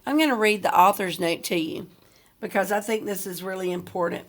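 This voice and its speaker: In this read-aloud lesson, a woman teacher poses discussion questions directly to her students. She speaks a little fast in a mid-range voice.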